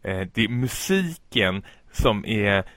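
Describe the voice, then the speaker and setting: A low-voiced man talks with a lot of swing in his pitch, clearly excited as he chats and swears casually. The sound is dry and close, with no room around him. It sounds like a relaxed podcast conversation between friends. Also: no room sound. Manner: enthusiastic, animated, swears casually. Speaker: podcast co-host. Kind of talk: casual chat about film trailers.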